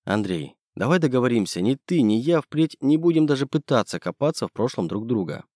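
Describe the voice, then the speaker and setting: A man's voice: medium pitch, big pitch swings, brisk, a little mellow, no echo, studio quality, pitched above the performer's own voice. A man reading a storybook, voicing a guarded, teasing young woman who is a detective's partner.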